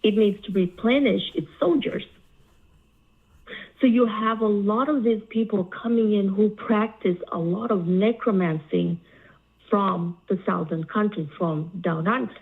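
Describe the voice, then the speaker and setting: A woman from Zambia calling in to a talk show, speaking earnestly with many pauses and fillers. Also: mid-range voice, husky. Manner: slow, earnest, halting with fillers. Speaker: caller. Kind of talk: call-in talk. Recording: phone line.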